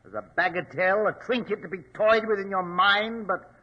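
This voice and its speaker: An actor in a 1940s radio drama playing an agitated, pompous police inspector with a nervous, oratorical delivery. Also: male voice, sits high, a little fast, sharp tone, breathy edge, exaggerated voice. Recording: dull, lo-fi old radio recording.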